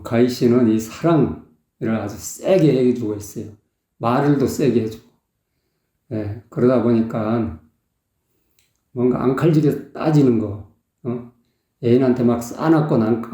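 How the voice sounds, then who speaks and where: A man's voice: mid-range voice, measured pace, warm tone. A man working as a vocal coach, analysing a singer's performance and explaining technique step by step. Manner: explanatory, sings short phrases to demonstrate. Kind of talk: song analysis commentary. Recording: echoey, dull lo-fi sound.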